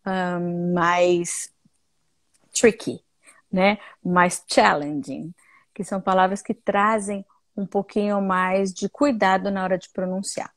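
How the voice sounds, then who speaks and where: A Brazilian woman hosts a casual live English class, chatty and friendly with her viewers. Her voice sits in a middle pitch and sounds dry and close, with little room around it. She slips English words into her Portuguese. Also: steady tone, takes it slowly, dry recording. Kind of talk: casual live online lesson.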